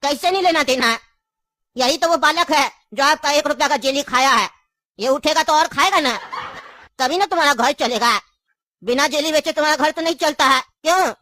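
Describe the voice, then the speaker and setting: A woman's voice: high-pitched, normal speed, sharp tone, a little hiss or hum. A woman playing a scheming, grieving old grandfather in a comedy skit, coaxing and insistent and laughing through her lines. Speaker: comic skit actor.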